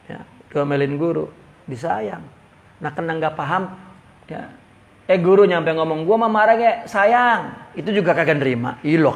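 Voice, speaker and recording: A man giving a religious lecture on a classical Arabic text, mixing Arabic phrases with lively slang. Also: on the high side, gravelly, a little hiss or hum. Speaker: religious teacher. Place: religious study gathering.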